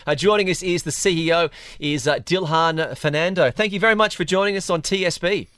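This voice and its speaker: An Australian man with a fairly high voice hosts a radio interview. He chats in a circling way, repeating words, in a very dry studio sound. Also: a little fast, a bit bright, dry recording. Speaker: sports radio host. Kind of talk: live radio interview chat.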